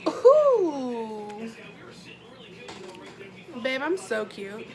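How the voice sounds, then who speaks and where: A woman's voice: fairly high pitch, big pitch swings, normal speed, bright, forceful tone. A giggly, tipsy woman chatting casually through a makeup tutorial with silly exclamations.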